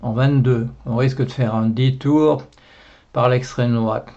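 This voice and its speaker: A man's voice: medium pitch, fairly even intonation, unhurried, mellow, highs cut off. A Belgian man with a Belgian French accent, a blogger talking alone to camera in a rambling, indignant way with many fillers and repeats. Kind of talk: casual video monologue.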